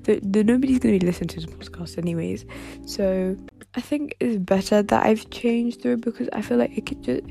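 A woman in her late teens talks on her own podcast at home, rambling from one thought to the next and giggling as she goes. Her voice is warm and dark, with plenty of vocal fry. Faint music sits under her voice. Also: medium pitch, brisk. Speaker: podcast host. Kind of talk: casual solo podcast chat.

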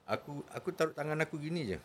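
A man's voice: a little high, expressive, quick pace. A man telling a casual story, repeating phrases and acting out both sides of conversations. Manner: repeats phrases, re-enacts dialogue. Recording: faint background noise.

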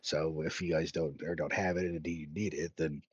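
A man's voice: very deep voice, flat delivery, normal speed, breathy edge, no room sound. A man playing a tabletop game who describes his character's actions in a rambling, easygoing way, heard through a dull lo-fi mic. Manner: rambling, laughing easily. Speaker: player.

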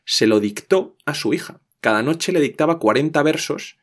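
A man explaining a classic poem in a conversational podcast, animated and often restarting his sentences. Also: on the high side, normal speed. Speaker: literature guest explaining a classic.

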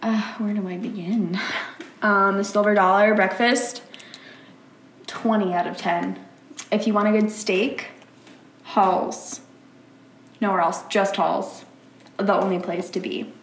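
A woman's voice: mid-range voice, fairly even intonation, takes it slowly, pauses often. A young woman, a college student from the Philadelphia area, chatting casually as an interview guest, giggly and full of fillers. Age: young adult. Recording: roomy sound with faint noise.

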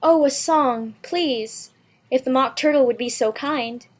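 A woman's voice: sits high, a little slow. A woman playing a polite, puzzled young girl with a proper, earnest delivery in an audiobook. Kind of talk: full-cast audiobook character acting.

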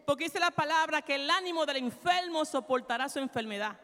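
A middle-aged woman pastor preaching with passion, swinging between loud cries and hushed lines while pausing for an interpreter. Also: high voice, expressive. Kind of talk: bilingual sermon with live interpreter. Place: church sanctuary. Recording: long church hall reverb.

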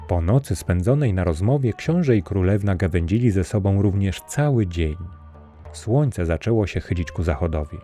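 A man narrating a fairy tale in a measured, steady storybook reading. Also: sits low. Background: faint music.

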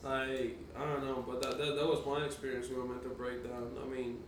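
A man's voice: medium pitch, flat delivery, brisk, distant mic. A man telling a story in casual podcast chat, rambling, swearing and laughing often. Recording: echoey room, off-mic, faint noise.

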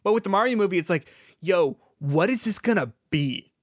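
A man's voice: high voice, animated, normal speed, dry recording, clean studio sound. A man hosting a casual podcast chat, loose and talkative, laughing often and swearing. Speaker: podcast host.

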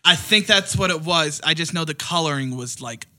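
A man in his late twenties co-hosting a casual podcast, teasing and bantering quickly. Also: fairly high pitch, over a noisy crowd. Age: 20s.

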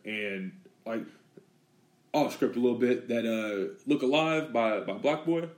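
A man's voice: mid-range voice, unhurried. A man co-hosting a podcast, chatting casually and chiming in with short agreements in an easygoing way. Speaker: podcast co-host. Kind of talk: casual chat. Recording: roomy echo.

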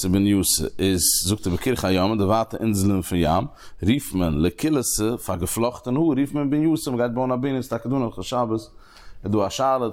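A man teaching a Talmud lesson, explaining the text in halting phrases that he repeats and restarts. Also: lowish voice, a little mellow.

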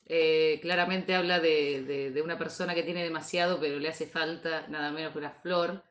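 Mujer de tono medio en sala con eco. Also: female voice, low-pitched, fairly even intonation, roomy sound, dull audio. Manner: earnest, deliberate, with stock formal phrases. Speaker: panelist on a parody radio show. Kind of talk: mock-formal song interpretation.

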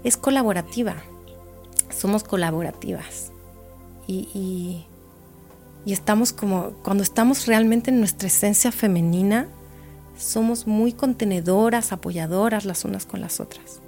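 A woman's voice: mid-range voice, a little slow, warm tone. Woman guest, reflective storyteller, repeats for emphasis; faint music bed. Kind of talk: personal storytelling in a podcast interview.

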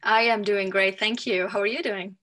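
A woman's voice: medium pitch, fairly even intonation, normal speed, bright, forceful tone. A woman in her thirties from Finland with a Finnish accent, chatting loosely as an interview guest and thinking aloud with many fillers. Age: 30s. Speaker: guest, authenticity coach. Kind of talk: casual interview chat.

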